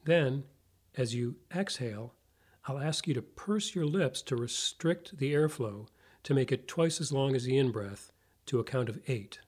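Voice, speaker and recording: A man guides a breathing meditation at a slow pace. His voice sits at an average male pitch. He gives each instruction in a measured way and leaves long pauses between phrases. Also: animated, a little mellow, slightly rough.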